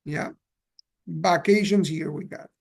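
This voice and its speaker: A man's voice: on the high side, takes it slowly, creaky, husky. A male English teacher explaining grammar patiently to a class, switching between Spanish and English.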